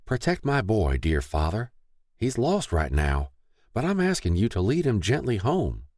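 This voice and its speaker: A man voicing a gentle, prayerful older country mother with soft, folksy speech. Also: on the low side, wildly swooping pitch, unhurried, no room sound, studio quality, voice pushed up, exaggerated voice.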